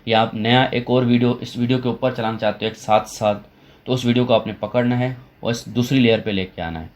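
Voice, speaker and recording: A man talking through a software tutorial step by step, with frequent fillers and restarts as he goes. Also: mid-range voice, fairly even intonation. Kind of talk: screen-recorded software tutorial.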